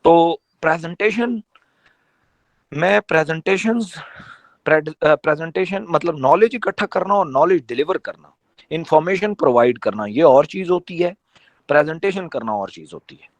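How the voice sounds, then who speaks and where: A man gives a motivational training talk to his team in an emphatic, conversational way. His voice sits fairly high and swings widely in pitch as he drives his points home with rhetorical questions. The sound is dry and close, with no room echo. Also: animated. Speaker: network marketing trainer.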